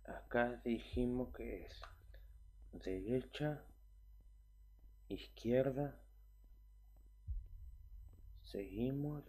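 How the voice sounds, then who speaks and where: A young man, an uneasy horror game streamer muttering short, halting remarks to himself as he plays. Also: mid-range voice, a little mellow, breathy edge. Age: young adult. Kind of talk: casual gameplay commentary.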